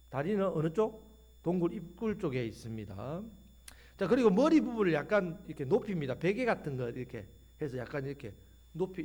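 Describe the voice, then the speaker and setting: A male pastor preaching a Sunday afternoon sermon in a church, asking the congregation questions and answering them himself. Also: sits high. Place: church sanctuary.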